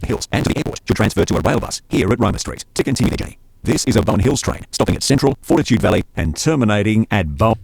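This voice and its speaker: A man with a lowish, husky, creaky voice reads formal train station announcements, heard as recorded clips chopped into segments. He talks fast with few pauses and lively intonation, yet keeps the formal public address delivery evenly paced.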